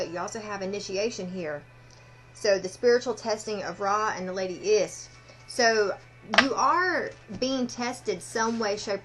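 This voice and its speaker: A woman fortune teller giving a casual card reading, speaking haltingly and directly to the listener. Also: mid-range voice, fairly bright tone, low-quality recording. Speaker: fortune teller, tarot and oracle card reader.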